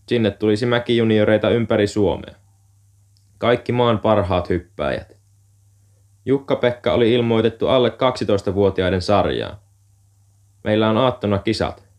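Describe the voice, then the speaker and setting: Man, audiobook narrator, low voice, calm steady reading. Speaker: audiobook reader. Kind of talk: scripted narration.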